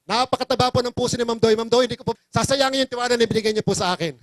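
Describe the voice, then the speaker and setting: A man's voice: extremely high pitch, rapid-fire, no echo. A middle-aged man from the Philippines giving an emotional, pleading testimony speech at a business forum and rousing the crowd.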